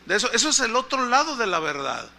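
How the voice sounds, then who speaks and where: A male pastor preaches, telling a story and turning to the congregation with questions. His voice sits high for a man and rings sharp and bright. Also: big pitch swings, quick pace, gravelly. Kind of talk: sermon.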